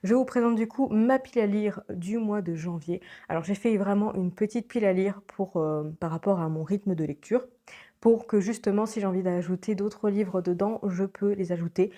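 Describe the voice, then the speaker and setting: A young French woman, a book vlogger, chats casually to the camera from indoors at home, her nose stuffy from a cold. Her mid-range voice is mellow and dark rather than bright, and at a normal pace she rambles cheerfully, full of fillers and little laughs.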